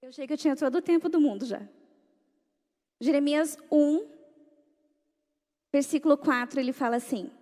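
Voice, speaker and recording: High, mellow-voiced woman preaching in a hall. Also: moderate pace, long pauses. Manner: animated, rhetorical questions to the audience. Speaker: speaker at a church gathering.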